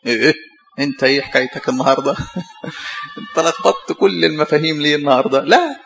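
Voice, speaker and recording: A man with an Egyptian accent, a priest giving a sermon, animated, with mocking asides to the congregation. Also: a little high, fast, gravelly, highs cut off, slight background noise. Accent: Egyptian Arabic.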